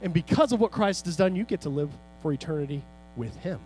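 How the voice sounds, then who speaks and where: A middle-aged pastor preaches from the pulpit in a fairly high voice. He climbs to loud, fervent peaks, then drops to soft, low lines. A faint electrical hum sits under the church mic. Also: animated, fast. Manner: preaching with rising shouts and sudden soft drops. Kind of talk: sermon. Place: church sanctuary.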